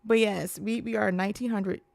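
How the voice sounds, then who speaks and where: A woman's voice: medium pitch, fairly even intonation, fairly quick, gravelly, no room sound. A woman in her forties co-hosting a casual livestream Q&A, playful and teasing, laughing often. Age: 40s. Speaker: livestream co-host.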